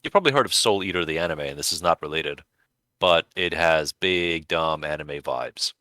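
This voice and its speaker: A man's voice: extremely low pitch, moderate pace, pushed and bright, no echo. A man co-hosting a podcast in casual chat, with dry, sardonic humor. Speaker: podcast co-host.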